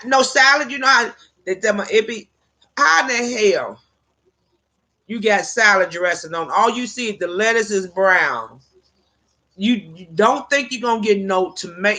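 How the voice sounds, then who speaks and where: A woman casually telling a personal story, profane and laughing often between lines. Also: medium pitch. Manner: animated, with vernacular grammar.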